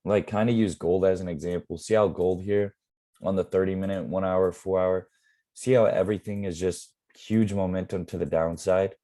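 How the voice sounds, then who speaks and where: A man explaining live trading in a relaxed, rambling way with many fillers, his voice going hoarse. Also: deep voice, moderate pace. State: losing his voice. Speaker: forex trading mentor.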